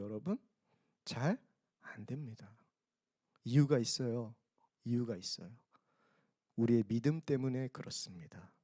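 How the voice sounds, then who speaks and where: A male pastor preaching a sermon, often asking the congregation questions, moving between loud emphasis and hushed, almost whispered lines. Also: mid-range voice, dry recording, studio quality. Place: large church hall.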